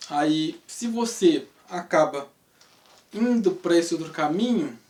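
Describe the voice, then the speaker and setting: A Brazilian English teacher in his thirties hosts his channel with a loose, rambling monologue full of rhetorical questions and tag questions, in a Brazilian Portuguese accent. He takes it slowly, his fairly high, darkish voice carrying lively intonation. The mic is at a distance, so the audio sounds roomy.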